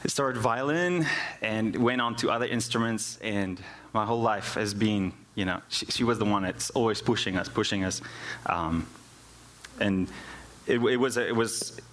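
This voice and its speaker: Speaking at a normal speed in a fairly low, slightly bright voice, a worship musician and music teacher shares an informal personal testimony in church. He's South African, a native Afrikaans speaker, and he frequently repeats words as he hunts for the right phrasing. A little hiss or hum sits under the recording.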